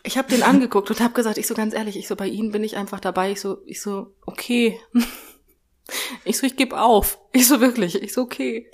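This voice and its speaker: A woman chatting casually, spinning a story with plenty of laughter. She slips into voices to act out what the other person said, and her retelling is quick and colloquial. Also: medium pitch, fairly even intonation, a little mellow. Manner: laughs often, acts out the other person's replies. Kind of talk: casual chat, telling an anecdote.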